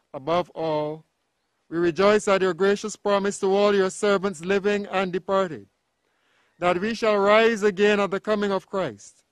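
A man leading a funeral committal, reading liturgical prayers in a slow, solemn, measured cadence. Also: sits high, dry recording, rough recording.

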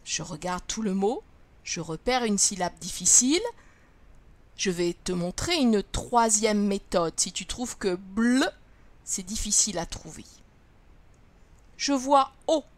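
A woman, a first-grade teacher, gives a reading lesson to young children, sounding out letters and syllables slowly and clearly. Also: mid-range voice, animated.

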